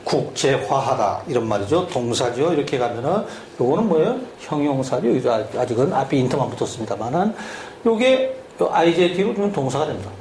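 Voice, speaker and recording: A man's voice: mid-range voice, sing-song, fairly quick, few pauses, a little mellow. A man teaching a lesson, drilling spelling syllable by syllable and asking the listener questions as he goes. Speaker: English teacher. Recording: echoey room with faint hum.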